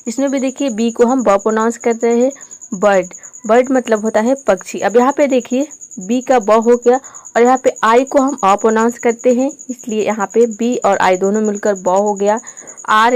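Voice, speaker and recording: Woman from India, patient step-by-step teacher, higher voice, dry close sound. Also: a little mellow, dry recording. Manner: patient step-by-step explaining, mixing English words into Hindi. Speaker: English teacher. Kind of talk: explaining an online lesson.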